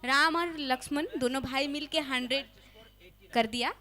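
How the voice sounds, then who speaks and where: A woman's voice: high voice, steady tone, normal speed, bright, forceful tone. A woman chatting casually as co-commentator during a live cricket match.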